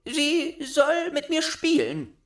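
A man voicing a bold, bossy little robber girl in a storybook reading, speaking high, loud and commanding. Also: steady tone, slow pace, full character voice.

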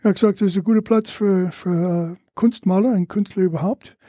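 Older American man, native English speaker, guest on a chat podcast, halting and searching for words, warm mellow voice. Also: high voice, fairly even intonation, no echo, studio quality. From Louisiana, USA. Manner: halting, searching for German words, laughs often. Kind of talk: casual interview chat.

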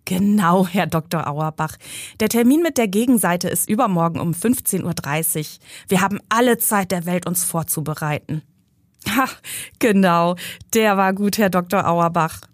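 A woman's voice: on the low side, moderate pace, no echo, clean studio sound, lightly acted. A woman reading as a smug know-it-all young man. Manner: smooth, pedantic and condescending. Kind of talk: reading her novel aloud.

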